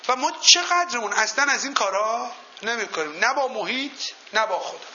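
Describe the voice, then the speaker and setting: A man with a strikingly high, piercingly bright voice gives a motivational seminar talk, swinging his pitch up and down as he goes. He tells folk anecdotes and keeps turning to the live audience with questions. The sound is a dull, lo-fi recording. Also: expressive, slight background noise. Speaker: motivational speaker.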